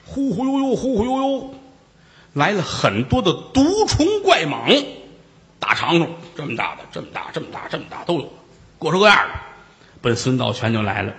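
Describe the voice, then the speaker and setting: A male storyteller, his voice climbing and dropping with huge swings in pitch. His tone is bright and forceful, and he keeps breaking off for jokey asides. A long reverb hangs on every phrase. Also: normal speed. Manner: lively, jokey asides to the listeners. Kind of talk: traditional comic storytelling.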